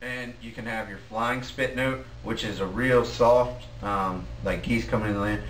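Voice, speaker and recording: Low-voiced man teaching, distant roomy sound. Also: steady tone, moderate pace. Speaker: goose calling instructor. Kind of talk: casual instructional demonstration. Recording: roomy, distant mic, faint noise.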